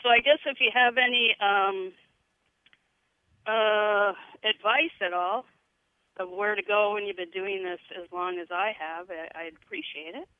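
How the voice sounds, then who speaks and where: A caller on a radio show, speaking in a halting, hesitant way. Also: male voice, sits high, no echo. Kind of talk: phone call to a radio show. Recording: tinny phone line.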